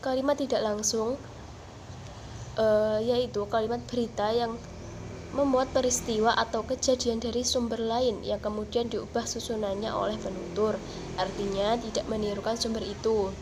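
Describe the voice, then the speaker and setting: Young female student presenter, slightly high voice, measured reading, faint noise behind. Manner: steady, measured reading with occasional fillers.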